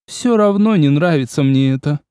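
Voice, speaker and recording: A man voicing a nervous noblewoman who turns shrill and screeching when frightened. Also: expressive, moderate pace, dark tone, smooth, no room sound, clean studio sound, close to an everyday voice. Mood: worried.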